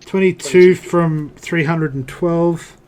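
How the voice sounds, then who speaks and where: Slightly high-voiced male game master. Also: steady tone, a little mellow, slight background noise. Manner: halting, full of fillers while describing scenes. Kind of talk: narrating a tabletop game.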